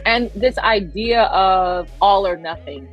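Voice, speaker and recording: A woman's voice: mid-range voice, animated, slow, highs cut off, faint music behind. A woman leading a casual interview, upbeat and affirming as she asks questions. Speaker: podcast guest host.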